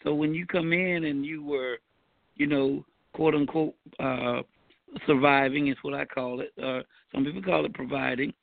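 A man co-hosting a casual faith-based talk show, laid-back and folksy, pausing often with fillers. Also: fairly high pitch, fairly even intonation, vocal fry, no room sound, narrow, tinny audio. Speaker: podcast co-host.

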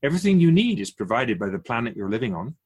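A man gives a very animated reading as a wise keeper of souls in a radio play, though the recording sounds muffled. Measured and formal, his slightly husky mid-pitched voice explains things like a patient teacher, full of didactic rhetorical questions.

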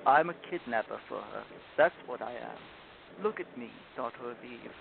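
A man's voice: medium pitch, expressive, creaky. A man reading a storybook, voicing a guilty, plaintive fawn who confesses remorsefully. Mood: guilty confessing. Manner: plaintive, sobbing, drawn-out confessing. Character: guilty, tearful, remorseful male fawn with horns. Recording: tinny phone-like audio with loud noise.

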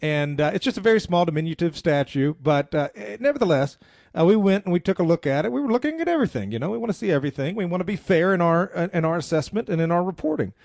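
A man's voice: high-pitched, lively intonation, quick pace, creaky, a little mellow, dry recording, studio quality. Chatty man telling a long story. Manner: rambling anecdotes with many fillers and restarts. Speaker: radio talk show host. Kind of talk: casual radio talk, storytelling.

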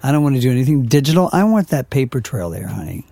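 A man's voice: mid-range voice, very animated, fast talker, warm tone, dry recording. A man co-hosting a casual political chat show, joking and often trailing off mid-sentence. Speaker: co-host.

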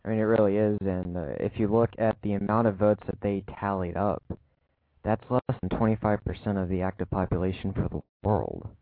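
A man's voice: fairly low pitch, fairly quick, no room sound. A man calling in to a show over the phone, rambling and losing his train of thought. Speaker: caller. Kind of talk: casual call-in chat. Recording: tinny dry phone line.

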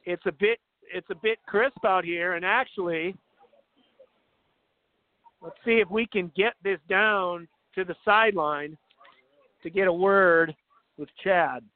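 A male sports host gives live halftime commentary in a high-pitched voice. He sets out figures and throws to colleagues. The sound is narrow and thin, like a cheap broadcast feed. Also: measured pace, pauses often. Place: outdoors at a football field.

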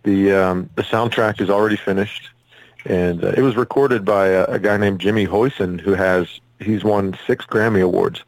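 A man's voice: low-pitched, fairly even intonation, normal speed, no room sound, rough recording. A man speaking as a musician and actor guest in a casual interview, earnest and a little hesitant.

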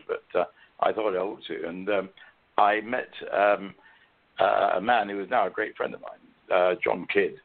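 An older British man with a hoarse, croaky frog voice, telling his story haltingly as an interview guest. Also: fairly low pitch. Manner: halting, hesitant delivery with frequent pauses. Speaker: interview guest, author and journalist. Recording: muffled, narrow phone-line sound.

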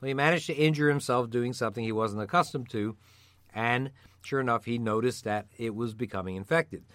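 Gravelly-voiced man explaining in dry sound. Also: medium pitch, a little fast, a bit bright, no echo. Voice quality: gravelly voice from a passing illness. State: mildly hoarse with a cold. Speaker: co-host of a survival medicine show. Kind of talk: explanatory conversational talk.

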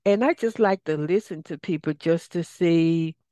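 A woman's voice: on the low side, normal speed, mellow, no echo, clean studio sound. A woman speaking casually as the solo host of a coaching show, rambling conversationally with asides. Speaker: podcast host and life coach.

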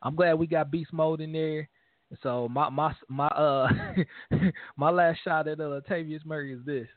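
A man co-hosting a casual sports talk show, animated and joking, leaning on "man" at the end of his lines. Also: a little high, normal speed, no room sound. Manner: animated trash talk, laughing, repeats "man". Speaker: podcast co-host. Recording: dry, phone-like lo-fi audio.

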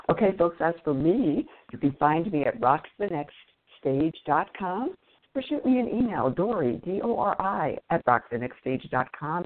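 A woman hosting an online show, wrapping up an interview in an upbeat, chatty way and laughing easily. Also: low voice. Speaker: podcast host. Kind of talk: casual interview wrap-up. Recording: tinny phone-like audio.

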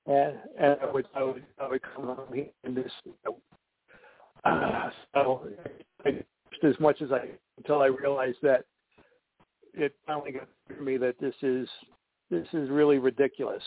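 A man speaking candidly on a conference call line that keeps cutting out, halting and restarting his words. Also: medium pitch, little pitch movement. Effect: conference call line that keeps breaking up. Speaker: guest. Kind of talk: candid personal talk. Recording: tinny phone line.

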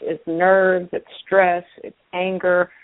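A woman's voice: fairly low pitch, flat delivery, slow pace, no room sound. Woman interviewer, dry phone-like sound. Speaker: radio show host. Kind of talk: conversational interview. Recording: thin, phone-like radio sound.

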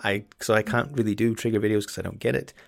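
A man's voice: fairly low pitch, steady tone, quick pace, gravelly. A man in his thirties, a podcast guest chatting casually and earnestly, often restarting and repeating words. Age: 30s. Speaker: podcast guest, ASMR YouTuber. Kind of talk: casual interview chat.

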